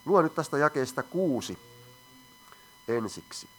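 Bright-voiced male preacher. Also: fairly high pitch, lively intonation, soft background music. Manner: asks the audience questions, reads scripture aloud. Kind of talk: sermon.

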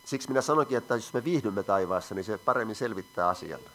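Bright-voiced male preacher. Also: on the low side, lively intonation. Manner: asks the audience questions, reads scripture aloud. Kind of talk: sermon.

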